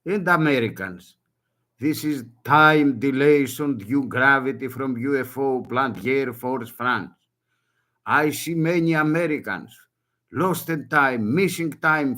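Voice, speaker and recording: In a self-made video, an older native Greek speaker with a Greek accent makes an urgent public appeal in broken English, using short repeated phrases. His mid-range voice is bright and forceful.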